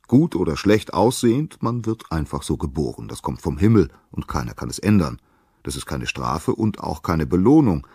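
Male storyteller, very low voice, husky, dry close recording, calm measured narration. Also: dry recording. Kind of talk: scripted narration of a myth.

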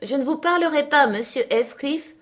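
Stubborn young girl, bright pleading voice, read by a woman. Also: high-pitched, expressive, normal speed, pitched above the performer's own voice. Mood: defiant. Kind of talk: audiobook character voice.

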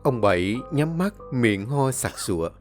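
A man's voice: medium pitch, very animated, darkish tone. Solemn male ghost-story narrator. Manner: measured, solemn reading with slow pauses. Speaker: storyteller of a channel. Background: faint music.

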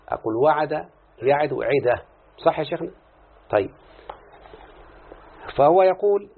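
A sheikh with a gravelly, husky, medium-pitched voice and an Egyptian accent teaches Arabic morphology in a recorded lesson. He keeps quizzing his students, supplies the answers himself, and moves between classical and colloquial Arabic. The lo-fi sound is tinny and phone-like.

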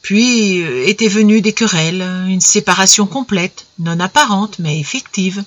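A woman reading a classic short story aloud with measured narration. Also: mid-range voice, no echo, muffled recording. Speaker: reader.

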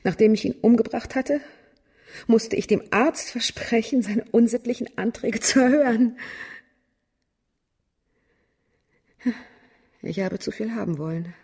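In a German radio crime play, an actress with a slightly high, darkish, husky female voice plays a bitter, world-weary murderess. She sounds despairing, speaking haltingly and frequently dropping into a whisper.

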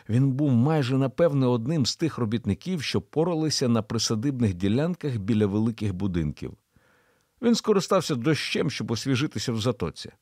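A man narrating a thriller audiobook in an expressive storytelling delivery. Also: mid-range voice, dry recording, studio quality.

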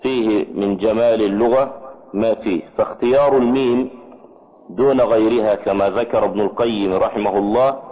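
A man with an Egyptian accent teaching an Arabic grammar lesson, explaining patiently and checking with his students through quick questions. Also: on the low side, highs cut off.

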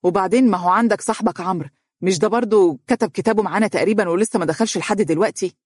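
A narrator voicing a sharp-tongued, jealous young wife in an audiobook story, speaking quick, cutting Egyptian Arabic. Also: female voice, on the low side, no echo, clean studio sound, natural voice. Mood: irritated.

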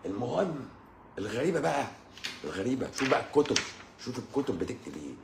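A man with an Egyptian accent explains health matters in a casual live stream, hammering points home by repeating them and calling the listener "pasha". His mid-pitched voice rings in a roomy space with a faint hiss of background noise. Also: sing-song, fast talker, gravelly. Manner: emphatic, repetitive, addresses listener as "pasha". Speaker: doctor hosting a live stream.

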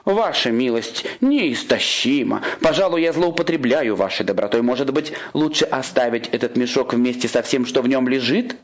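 A man reading a storybook and voicing a cunning little grey man disguised as a monk, smooth and persuasive. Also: medium pitch, lively intonation, moderate pace, hardly any pauses, muffled recording, natural voice. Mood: sly.

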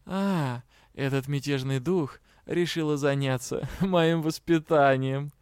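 A man's voice: a little high, takes it slowly, darkish tone, smooth, no echo, studio quality. A man reading an audiobook, voicing a smug, lazy male cat spirit who talks in a languid, self-satisfied way.

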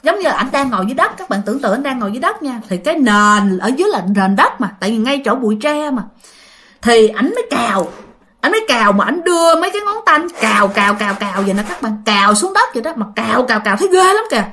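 Lively woman storyteller. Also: a little high, fast talker. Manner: animated, repeats words for effect, addresses listeners directly. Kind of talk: casual ghost story telling.

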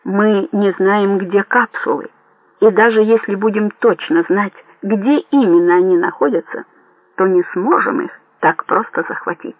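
A man voicing a cautious male colonel who reasons slowly and deliberately. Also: high voice, dry recording, phone-quality sound. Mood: thoughtful. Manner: slow, deliberate, reasoning aloud.

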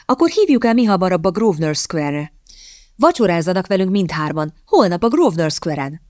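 A woman reading aloud as an earnest, enthusiastic young gentleman, in a storybook reading. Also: fairly low pitch, very animated, no room sound, studio quality. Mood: eager friendly. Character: eager, good-natured young gentleman.

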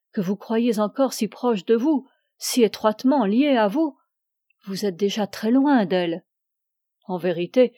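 A man's voice: high voice, warm tone, no room sound, studio quality. A woman reading the part of an aging ascetic priest who preaches with solemn fervor. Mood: fervent. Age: older. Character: aging ascetic male priest, imperious and pleading.

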